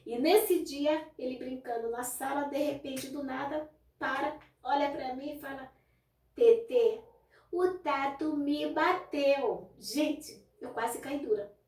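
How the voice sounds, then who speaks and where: A woman's voice: sits high, measured pace, darkish tone. Older lady telling her story to viewers, emotional, kinda far from the mic. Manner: emotional, addresses viewers directly. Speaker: testimony speaker. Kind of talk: personal storytelling to camera. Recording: echoey room, voice from a distance.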